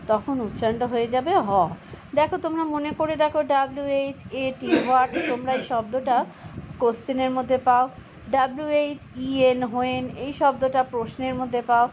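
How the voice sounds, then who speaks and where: A woman teaching children to read English, reading each line very slowly and then explaining spelling and pronunciation. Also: darkish tone. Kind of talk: bilingual reading lesson for children. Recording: slightly dull low-fi recording with faint background noise.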